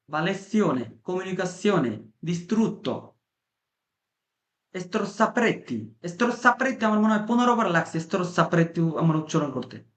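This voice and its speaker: A man from Bangladesh teaching an informal language class, coaching his listeners and repeating key points. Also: sits high. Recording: roomy echo.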